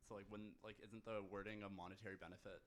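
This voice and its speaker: A man's voice: on the low side, flat delivery, fast talker. A student councillor asking a long, rambling question in a council meeting, restarting his phrases often.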